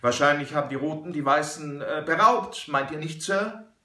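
A man voicing an excitable, cheated middle-aged banker who pleads and hesitates with little ums. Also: on the high side, moderate pace, echoey room, a little hiss or hum, pitched above the performer's own voice. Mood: anxious.

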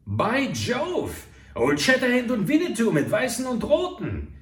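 A man voicing a nervous, rough murderer on the run, in a storybook reading, with high, agitated outbursts. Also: wildly swooping pitch, drawn-out words, bright, forceful tone, exaggerated voice. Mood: alarmed, frantic. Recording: roomy, far from the mic.

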